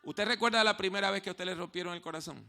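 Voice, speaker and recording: A male pastor delivers a sermon in a high, piercingly bright voice. He moves between soft, hushed moments and loud, raised passages. He slows down to repeat his main points with weight. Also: gravelly. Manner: storytelling preacher, swings from hushed to loud; repeats key phrases slowly for emphasis. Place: church.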